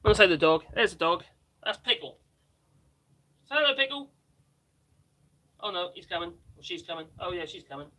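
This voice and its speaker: A Norfolk-born man in his fifties, with a Norfolk English accent, is a livestream guest who chats casually and rambles, laughing often. His high-pitched voice is animated, pushed, and bright, at a moderate pace with long pauses. A camera on a tripod captures the low-quality recording.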